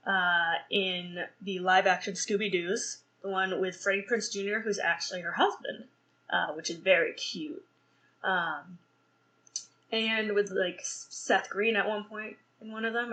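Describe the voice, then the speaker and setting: A young woman with a medium-pitched, sharp-toned voice hosts a solo podcast where she reviews a film. She rambles, with many fillers and restarts, and laughs at her own slips.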